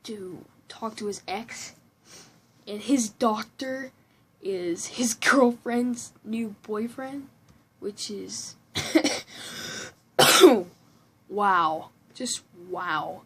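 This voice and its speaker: A woman's voice: fairly high pitch, lively intonation, drawn-out words, long pauses, fairly bright tone, slightly rough, low-quality recording. A woman giving a casual, rambling movie review at home, often restarting sentences and breaking into giggly asides. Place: room at home with a computer behind her.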